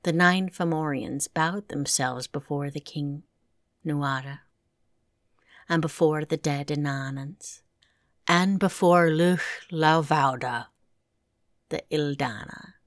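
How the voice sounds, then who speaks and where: A woman reading a legend aloud in a slow, deliberate way. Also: low voice, dry recording, clean studio sound. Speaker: audiobook reader. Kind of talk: storybook narration.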